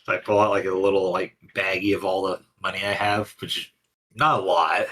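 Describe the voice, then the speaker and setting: Player, man, low-ish voice, bright tone, hesitant and rambling. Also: steady tone, fairly quick, poor audio. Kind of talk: casual tabletop play.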